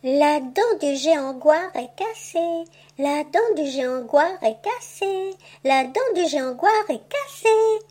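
A cunning, boastful rabbit trickster, as a woman reader puts him on for a storybook. He talks high and unhurried with a teasing, playful slyness. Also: lively intonation, a little mellow. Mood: sly. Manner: sly, playful, theatrical. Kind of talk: audiobook tale reading.

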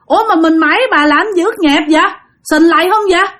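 A woman's voice: extremely high pitch, fairly bright tone, pitched above the performer's own voice. Woman doing a flustered old grandfather. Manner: flustered, protesting, quick questions. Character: startled old grandfather woken from sleep.

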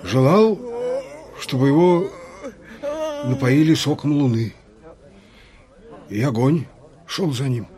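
An actor playing a deferential, excitable police officer who reports to his superior in an audio drama. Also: mid-range voice, slow pace, long pauses, a crowd in the background, natural voice. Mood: eager, deferential. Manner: obsequious, excitable, barking at subordinates.

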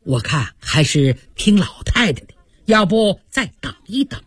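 Brief: woman as stern older nobleman in a spoken story, low, slow, deliberate. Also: big pitch swings, husky, no echo, full character voice. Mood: grave. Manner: slow, weighty, hesitant pauses.

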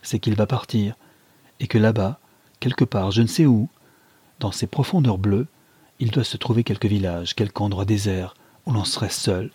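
An impulsive young bride who pleads earnestly to slip away from the crowds, read by a man in an audiobook. The low, husky voice is lifted only slightly for her. The recording sounds close and dry. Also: moderate pace, darkish tone, dry recording. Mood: wistful pleading. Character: young newlywed woman, impulsive, craving solitude.

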